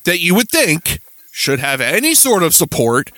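A man's voice: a little high, wildly swooping pitch, moderate pace, pushed and bright, no echo. A man co-hosting a podcast, talking politics in an emphatic, sarcastic way. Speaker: podcast co-host. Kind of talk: casual political chat.

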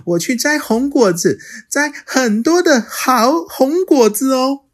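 A woman voicing a young male dinosaur child who is scared and stubborn, in a high, pleading, childish voice for a storybook reading. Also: lively intonation, slow, exaggerated voice. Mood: tearful.

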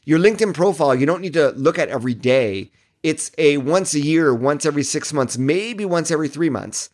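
A man's voice: on the high side, lively intonation, fairly quick, darkish tone. A middle-aged man hosting a solo podcast as a marketing coach, talking directly to listeners from his home office in a friendly coaching tone, his voice a little worn. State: slightly losing his voice.

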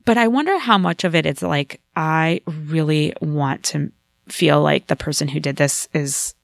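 Lively low-voiced woman telling stories. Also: measured pace, gravelly, no echo, clean studio sound. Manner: animated storytelling with voiced quotes. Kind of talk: casual podcast chat.

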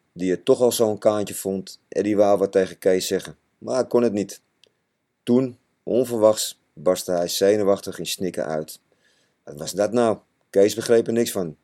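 A man narrating a children's storybook in a measured, expressive way. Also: deep voice. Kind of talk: storybook reading.

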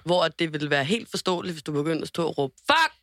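Animated, swearing young woman podcaster. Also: low-pitched, no room sound, studio quality. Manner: animated storytelling, swears freely. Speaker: podcast co-host. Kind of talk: casual podcast chat.

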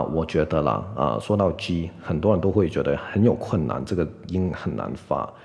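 A man teaching English pronunciation on a podcast, patiently repeating words slowly and checking in with "OK". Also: deep voice, darkish tone, in a large hall.

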